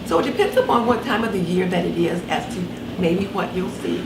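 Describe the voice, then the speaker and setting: A woman's voice: on the low side, animated, a little fast. A woman in her sixties chatting casually to camera in her kitchen, her speech slightly impeded by wearing dental retainers. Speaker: vlogger. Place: home kitchen, indoors. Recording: roomy, distant camera mic with clear background noise.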